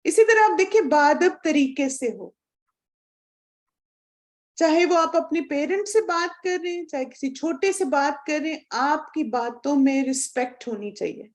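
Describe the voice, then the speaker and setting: A woman with a high voice teaching a religious lesson. She talks earnestly and instructively, puts questions to her listeners, and slips English words into her speech. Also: expressive. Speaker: Quran course teacher.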